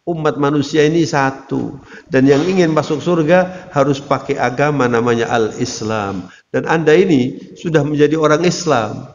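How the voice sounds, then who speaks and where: A man giving a conversational Islamic sermon, addressing listeners directly. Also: fairly high pitch. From Indonesia. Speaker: Islamic preacher. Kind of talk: religious talk to an audience. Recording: lo-fi recording in a reverberant hall.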